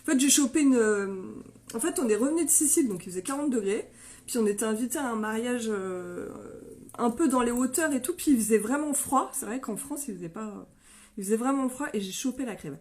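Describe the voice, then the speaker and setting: A bright, high-pitched woman in her thirties talks with bubbly excitement, greeting viewers one by one on a casual live stream. Her nose is stuffed up from a sinus infection, which gives her voice a congested edge. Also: brisk, slight background noise.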